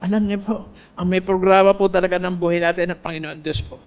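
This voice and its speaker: A man's voice: high-pitched, steady tone, fast, clear, resonant tone, highs cut off. A man telling his personal faith testimony in an earnest storytelling manner, speaking politely and mixing in English phrases.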